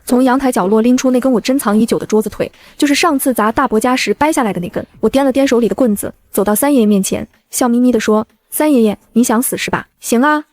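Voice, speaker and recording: Brisk, fast-talking woman narrator. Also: on the high side, darkish tone, no echo. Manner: brisk, self-assured. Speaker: narrator and heroine. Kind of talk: first-person short-drama audiobook narration.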